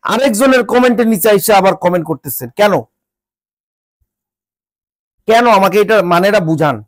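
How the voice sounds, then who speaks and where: A man's voice: high voice, animated, normal speed, no echo, clean studio sound. A Bangladeshi man vlogger with a congested, stuffy nose from a cold, giving an exasperated, scolding rant to his viewers with repeated rhetorical questions. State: sick with a cold, voice changed.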